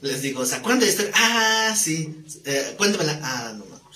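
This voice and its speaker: A man, a pastor teaching a live Bible class, telling stories in a lively way and asking the class questions. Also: on the high side, a little fast. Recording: echoey room, faint background noise.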